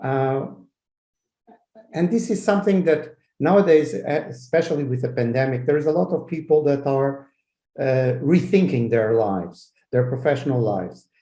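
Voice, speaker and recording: A man from Portugal hosting a casual online interview, halting and restarting as he makes his points. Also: mid-range voice, dark tone, reverberant. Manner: halting, restarts often, speeds up when making a point. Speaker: host.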